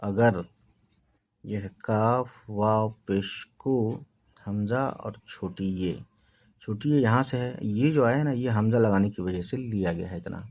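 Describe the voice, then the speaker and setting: A man's voice: on the low side, unhurried, a little mellow. A man teaching beginners to read, spelling each word letter by letter and reassuring often that it is easy. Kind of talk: slow spelled-out reading lesson.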